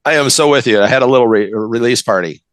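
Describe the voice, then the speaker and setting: Speaking quickly at a medium pitch, this American author from the West Coast is a casual interview guest telling stories in a chatty way. The studio sound is clean with no echo, and he keeps tossing in "right?" and "you know."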